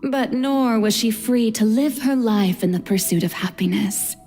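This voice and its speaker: A woman voicing a composed, regretful goddess woman in a video game, with a measured, solemn delivery. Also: a little high, darkish tone, soft background music, close to an everyday voice.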